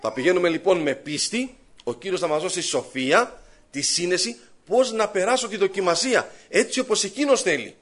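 A high-pitched man delivering a sermon. He moves between quiet storytelling and fervent, rising prayer. He addresses his listeners directly as he preaches. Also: animated. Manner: storytelling, acting out his own inner voice.

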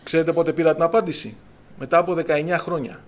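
Fervent high-voiced male preacher. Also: fairly even intonation. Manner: fervent, preacher's call-and-response, raises voice on scripture. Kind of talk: Pentecostal sermon.

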